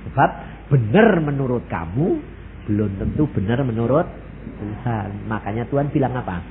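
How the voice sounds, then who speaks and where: Man, Javanese accent, preaching a sermon, highly animated pitch, tinny lo-fi sound, faint hiss. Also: moderate pace. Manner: animated, mixes in Javanese, acts out quoted prayers. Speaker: pastor. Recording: tinny phone-like sermon recording.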